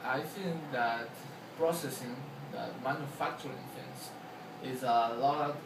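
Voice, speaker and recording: A young man with an Ecuadorian accent talks through his answers in an interview, hesitating with fillers and restarting his sentences. He is heard from across an echoey room. Steady background noise sits under his voice. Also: mid-range voice, creaky. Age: young adult. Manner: halting, many fillers and restarts. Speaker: student interviewee. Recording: echoey, distant mic, noisy background.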